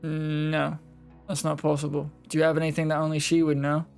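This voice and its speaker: A man takes part in a tabletop game, talking casually and steering the group. His voice is crisp with a crackly fry and stays quite even in pitch, over faint music. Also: brisk. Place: online voice call. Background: background music.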